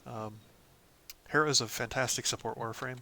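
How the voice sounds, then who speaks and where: A man hosting a casual game guide, talking through a character build in a relaxed way, with frequent "um"s and "of course"s. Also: medium pitch, moderate pace. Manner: relaxed, lots of ums and "of course". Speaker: gaming channel host.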